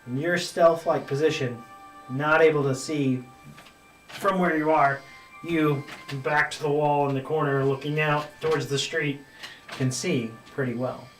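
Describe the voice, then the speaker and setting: A man running a tabletop game as dungeon master, narrating in a relaxed, rambling way with many fillers. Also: a little high, a little slow, reverberant, far from the mic, soft background music, low-quality recording.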